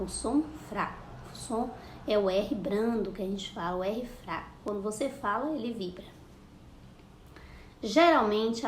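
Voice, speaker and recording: A woman's voice: mid-range voice, a little mellow, a little hiss or hum. A woman teaching a lesson to young children, patiently repeating words and sounding out syllables. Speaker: primary school teacher. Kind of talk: recorded classroom lesson for children. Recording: echoey room, faint ambience.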